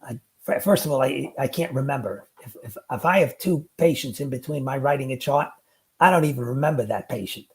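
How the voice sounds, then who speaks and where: A man's voice: medium pitch, fairly quick. A man co-hosting a casual talk show, making dry sarcastic asides. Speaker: podcast co-host. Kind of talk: casual chat.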